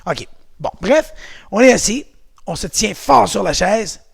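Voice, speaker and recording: A man's voice: high voice, lively intonation, a little slow, vocal fry, slightly rough. A man with a Québécois accent, leading a home exercise and martial arts class in a chatty, encouraging, playful way. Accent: Québécois French.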